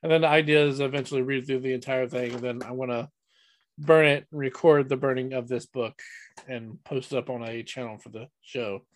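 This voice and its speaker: A man hosting a casual podcast, playfully reading knock-knock jokes in a deadpan way. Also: medium pitch. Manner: playful, deadpan joke delivery with groans. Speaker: podcast host.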